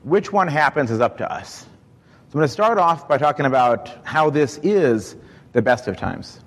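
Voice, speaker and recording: A man's voice: mid-range voice, animated, moderate pace. A man in his forties, originally from Egypt, gives an upbeat keynote talk on stage and quizzes the audience as he goes. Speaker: conference speaker. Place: large hall. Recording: reverberant hall, live event.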